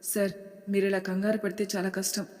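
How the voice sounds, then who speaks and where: A woman's voice: mid-range voice, completely flat delivery, fairly quick, a little mellow, lightly acted. A woman voicing a loyal male assistant who answers respectfully and reassuringly, with a long hall reverb behind her voice.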